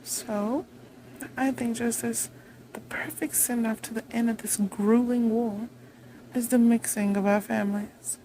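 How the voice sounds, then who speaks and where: Gloating as a haughty, vengeful vampire queen, a woman delivers a roleplay monologue in a deliberate, imperious, taunting manner. Her voice is a little high and mellow, with fairly even intonation. The audio is poor, carrying some hiss or hum.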